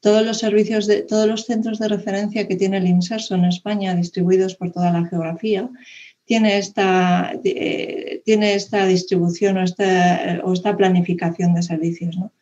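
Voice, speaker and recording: On a dull video call from an indoor room, a Spanish woman gives an online conference presentation. Her medium-pitched, dark voice is flat and moderately paced, and she hesitates often, full of fillers and restarts.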